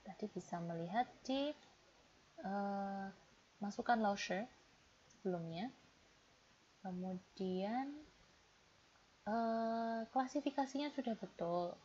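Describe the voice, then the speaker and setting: A woman, teaching grammar as she patiently corrects student homework and reads example sentences slowly. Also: mid-range voice. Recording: dull lo-fi audio with loud background noise.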